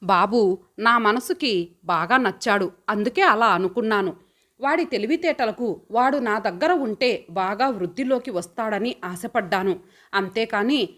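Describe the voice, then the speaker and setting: A woman voicing a kind, gentle benefactress. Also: a little high. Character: kind wealthy childless woman, gentle and generous.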